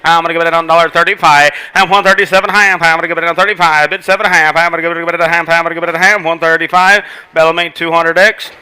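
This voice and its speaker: A man auctioneer rattles off bids in a rolling, rhythmic chant, repeating numbers at a rapid clip. His voice is bright and crisp, sitting a little high, and his pitch stays flat and level throughout the chant. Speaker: livestock auctioneer.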